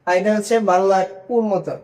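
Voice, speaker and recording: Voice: mid-range voice, quick pace, a little mellow. A language teacher giving an online lesson, patiently drilling single sounds one by one and often checking that learners follow. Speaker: Chinese pronunciation teacher.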